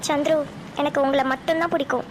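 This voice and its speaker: A young woman acting an earnest, loving young woman in a short family drama, speaking softly and sometimes hesitantly. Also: sits high, steady tone, fast talker, over music, close to an everyday voice. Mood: tender. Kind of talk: Tamil short-film dialogue acting.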